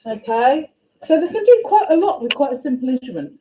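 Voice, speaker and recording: A woman teaching a music class, questioning and encouraging her students in a brisk way. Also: high-pitched, very animated, noisy background. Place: school classroom. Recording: echoey classroom, faint ambience.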